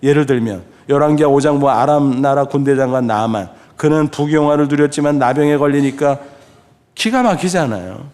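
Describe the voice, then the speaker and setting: A middle-aged man preaching a sermon as pastor. He asks the congregation questions and acts out the voices he quotes. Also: brisk. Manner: lively preaching, speaking directly to the congregation with questions; acts out quoted voices with sudden pitch jumps.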